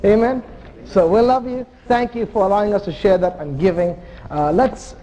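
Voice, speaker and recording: Guy preaching in church, kinda high voice, earnest and emphatic, cracks little jokes. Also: normal speed, warm tone, highs cut off. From India. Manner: earnest and emphatic, with joking asides. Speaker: visiting missionary preacher. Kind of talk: sermon to a congregation. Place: church sanctuary.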